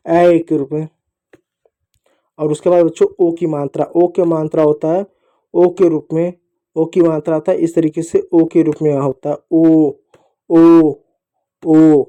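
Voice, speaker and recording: A man's voice: a little high, dark tone. A man teaching young children a lesson, patiently repeating each sound and asking and answering his own questions. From India.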